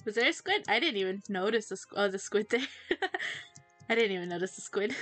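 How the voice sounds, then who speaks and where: This teen girl is livestreaming a game and chatting casually to viewers: chatty, giggly, quick to laugh and easily distracted. Her expressive mid-range voice has a fairly bright tone, and faint music sits behind it.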